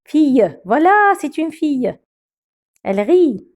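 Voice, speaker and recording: A woman teaching beginner French pronunciation, saying each word slowly and repeating it several times. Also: high-pitched, sing-song, darkish tone.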